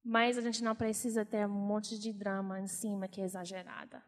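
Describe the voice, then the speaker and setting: A woman preaching to girls in an earnest, gently encouraging conversational way. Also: mid-range voice, little pitch movement, brisk, long reverb tail. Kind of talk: conversational sermon.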